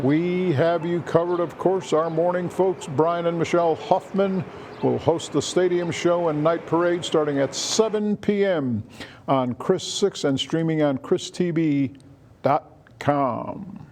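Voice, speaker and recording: A man's voice: on the high side, darkish tone, slight background noise. A man reading local news in an upbeat, conversational way. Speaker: news anchor.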